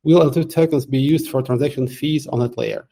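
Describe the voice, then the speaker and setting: Male host, middle-aged, warm low-key voice, halting and filler-heavy live Q&A delivery. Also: creaky. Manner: halting, many fillers and restarts, occasional laughs. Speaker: AMA host answering community questions. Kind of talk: casual live Q&A.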